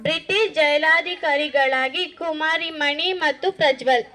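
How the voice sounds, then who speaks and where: High-voiced woman announcing a school play. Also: a little slow, bright, forceful tone. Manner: rhythmic, chanting call to listen. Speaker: program announcer. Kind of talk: school event announcing, crier-style call.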